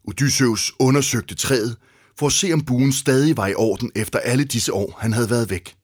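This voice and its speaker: Man calmly reading a storybook aloud. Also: medium pitch, slightly rough. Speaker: narrator. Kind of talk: storybook narration.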